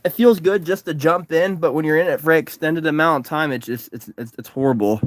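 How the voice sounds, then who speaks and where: A man with a voice on the high side talks a little fast from his parked car during a livestream, casually chatting and reading comments. A distance swimmer, he is exhausted and sunburned, and he rambles and repeats himself.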